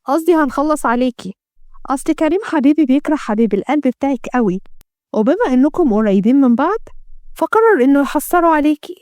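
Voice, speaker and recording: A woman puts on a cruel, sneering young wife with an Egyptian accent, taunting her captive in a high, quick voice. She speaks close and dry, like a storybook villainess. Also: expressive, a little mellow, no echo. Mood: mocking. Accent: Egyptian Arabic.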